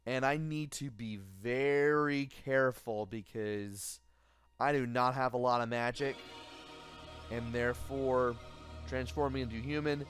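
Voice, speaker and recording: Tired male let's play host, low-key commentary with faint game music under it. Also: steady tone, measured pace. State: tired, late at night. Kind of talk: gameplay commentary.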